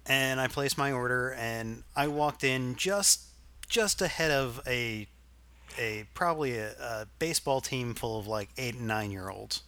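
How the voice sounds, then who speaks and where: A man's voice: medium pitch, a little slow, bright, forceful tone, clear, resonant tone. A middle-aged man from Arkansas, a podcast co-host, telling a rambling, profane story in casual chat.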